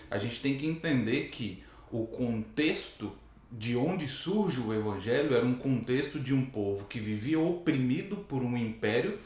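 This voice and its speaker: A hoarse man teaching from the Bible to camera, explaining patiently and rephrasing his points with frequent "né?". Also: mid-range voice. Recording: very echoey room.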